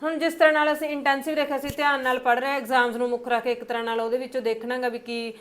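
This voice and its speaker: A young woman with a Punjabi accent, teaching an exam-prep lesson, explaining patiently with many fillers and reading English points slowly. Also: high-pitched, little pitch movement, a bit bright.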